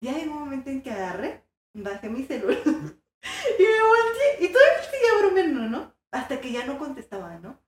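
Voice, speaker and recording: A young woman with a Mexican accent, an animated storyteller who acts out the voices in her story. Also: sits high, fairly quick, very echoey. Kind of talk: casual chat.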